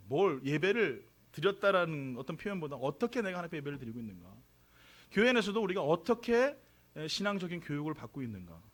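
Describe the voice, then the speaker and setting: A man from Korea preaching a sermon as pastor of his church, chatty and joking, asking the congregation questions. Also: on the high side. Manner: conversational, jokey, draws responses from congregation. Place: church sanctuary.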